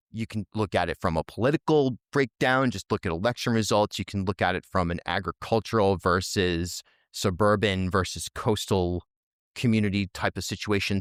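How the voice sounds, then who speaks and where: A man's voice: on the low side, a bit bright, no echo, studio quality. A man hosting a podcast interview, asking questions conversationally and often restarting his words. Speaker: podcast host.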